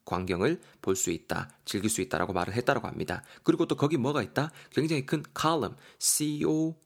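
A man's voice: medium pitch, brisk, vocal fry. A man hosting a podcast vocabulary lesson, explaining words and spelling them out letter by letter. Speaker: English vocabulary teacher, podcast host.

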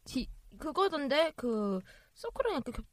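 A woman with a bright, higher voice co-hosts a casual podcast, swinging her pitch up and down as she tells stories with lots of energy. The recording is dry and close-miked. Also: measured pace, no room sound. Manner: lively, animated storyteller. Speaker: podcast co-host. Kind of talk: casual chat.

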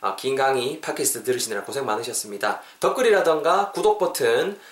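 A man's voice: mid-range voice, animated, a bit bright, echoey room. Playful man teaching English. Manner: playful, slows to spell out English words. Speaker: English teacher and podcast host. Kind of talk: podcast English lesson.

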